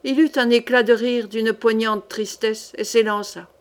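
A woman reading a historical novel aloud, with measured, dramatic narration. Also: on the high side, steady tone. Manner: measured dramatic narration, voices the characters lightly. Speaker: audiobook reader.

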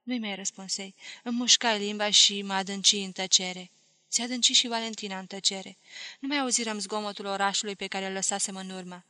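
A woman narrates a literary novel in a slow, deliberate, expressive way. Her voice is bright and forward, with a mid pitch, and the recording is dry and close. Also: dry recording. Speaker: audiobook reader.

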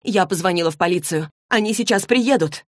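A stubborn young heroine, voiced by a woman narrating an audiobook, frightened but defiant. She talks in sharp, indignant bursts, recorded dry and close. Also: lowish voice, fairly quick, dry recording, close to an everyday voice. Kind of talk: audiobook reading.

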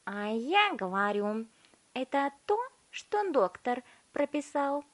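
A woman voicing a spoiled, stubborn girl who chews gum and talks in a shrill, demanding way while humming between bites. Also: big pitch swings, slow pace, heavily acted. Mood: bratty, greedy.

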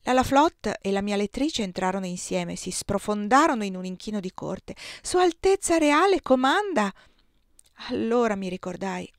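A woman reading a novel aloud in calm, even narration. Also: medium pitch, moderate pace, hardly any pauses, no echo, clean studio sound. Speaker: audiobook reader.

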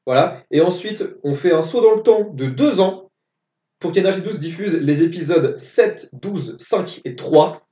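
A methodical man working through dates and credits on a casual film podcast. His voice is mellow and a little high. He sits away from a dull mic. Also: lively intonation, a little slow. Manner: methodical, reads facts and dates. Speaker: podcast co-host. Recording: echoey room, distant dull mic.

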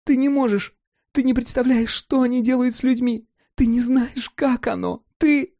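A man's voice: extremely high pitch, sing-song, slow, dark tone, dry recording, clean studio sound, voice pushed up, heavily acted. A man voicing a frightened young woman who pleads in a tearful, doll-like voice. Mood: pleading.

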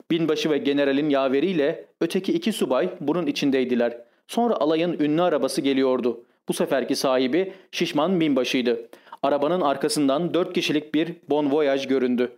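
Calm male audiobook narrator. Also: on the high side, brisk. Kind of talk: scripted narration.

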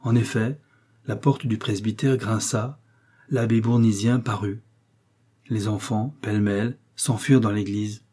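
A man reading a classic novel aloud as an audiobook narrator, measured and expressive. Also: on the low side, breathy edge. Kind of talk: literary narration.

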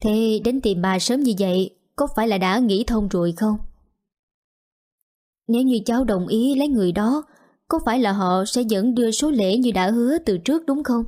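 A woman's voice: on the high side, moderate pace, dark tone, close to an everyday voice. A woman reading as a timid, determined poor girl. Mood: pleading.

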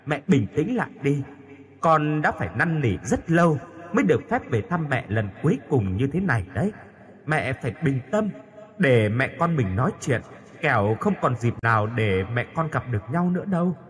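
A man's voice: a little high, sing-song, moderate pace, soft background music. A man voicing a tender ghost daughter. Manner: soft, pleading. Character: young dead daughter, tender spirit.

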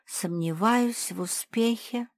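A woman voicing a doubtful pug sister, a fussy stylist who mutters slowly and skeptically. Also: on the low side, animated, no echo, studio quality.

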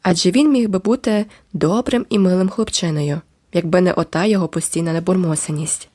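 A woman reading a classic novel aloud as an audiobook narrator, in a measured, expressive way. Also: on the low side, no echo, studio quality. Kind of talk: scripted literary narration.

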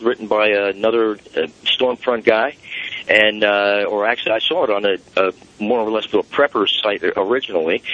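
A man calling in to a talk show over the phone, chatting casually and rambling with frequent "uh" pauses. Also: fairly low pitch, a bit bright. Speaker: caller to a radio talk show. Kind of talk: casual call-in chat. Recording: dull, lo-fi phone line.

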